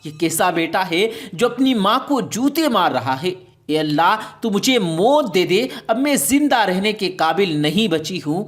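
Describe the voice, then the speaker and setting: A woman's voice: mid-range voice, very animated, lightly acted. A woman voicing a grieving old mother in a storybook tale, who scolds and pleads through tears. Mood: lamenting.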